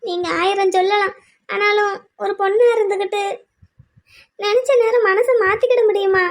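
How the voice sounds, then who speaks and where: This is a woman voicing a torn, tearful young widow in a cartoon drama, her voice sitting very high and thin. She pleads anxiously, caught between duty and her own heart. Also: steady tone, normal speed. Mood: pleading. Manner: pleading, distressed.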